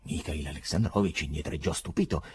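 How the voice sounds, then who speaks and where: A man narrating an audiobook as a dramatic literary reading, with a husky voice and expressive, theatrical storytelling. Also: a bass voice, fairly quick, slight background noise.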